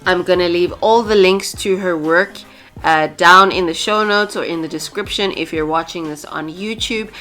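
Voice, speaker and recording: Casting: young woman, podcast host, chatty, a little low-pitched, headset on a video call. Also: moderate pace, bright, forceful tone, faint music behind. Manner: chatty, laughs often, restarts. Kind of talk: podcast interview.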